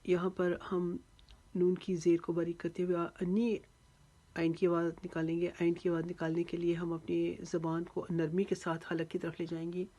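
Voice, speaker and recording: A woman's voice: fairly low pitch, monotone, normal speed, dark tone. A woman teaching Quran recitation rules step by step, patiently and methodically explaining how each sound is drawn out. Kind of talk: step-by-step tajweed lesson.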